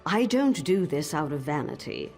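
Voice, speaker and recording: A woman voicing an imperious old wizard master in a fantasy game, husky, formal and haughty in a measured delivery. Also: sits low, big pitch swings, darkish tone, soft background music. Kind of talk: fantasy game dramatic acting.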